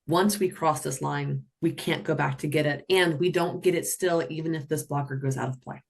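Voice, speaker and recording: A woman teaching roller derby officiating on a webinar, energetic and animated, often acting out skaters in playful voices. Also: deep voice, normal speed, gravelly.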